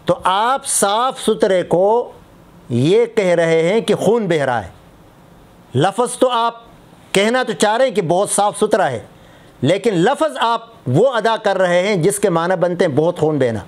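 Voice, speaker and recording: A man's voice: sits high, lively intonation. A man, a mufti, giving a religious lesson on prayer recitation, explaining patiently and repeating example words to contrast them.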